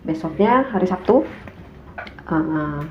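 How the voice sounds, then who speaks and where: With a deep voice and slow pace, a young guest from Indonesia with a Jakarta slang accent tells a story casually, lively throughout and raising her voice to act out quotes. The room is echoey, the sound dull, with a faint hum beneath.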